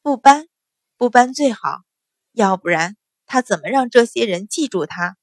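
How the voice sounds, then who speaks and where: A woman's voice: a little high, normal speed, dry recording, clean studio sound, close to an everyday voice. Cool, mocking young noblewoman, voiced by a woman.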